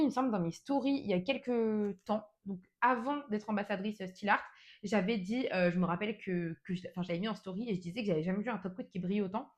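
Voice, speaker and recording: A young woman with a French accent talks through an unboxing in a relaxed, chatty way. Her voice sits a little on the high side. She gushes over each product and fills her pauses with casual hesitations. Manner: enthusiastic, chatty, frequent fillers. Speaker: nail product vlogger.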